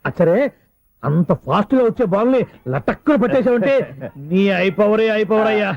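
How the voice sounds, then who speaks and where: An actor playing a bumbling secretary who mishears and rambles past what others say. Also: male voice, high-pitched, lively intonation, normal speed, gravelly, dry recording, dull audio.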